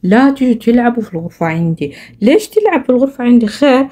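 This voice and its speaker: A woman's voice: a little high, animated, rapid-fire, warm tone. A woman voicing herself as an exasperated aunt in a game role-play, scolding the kids.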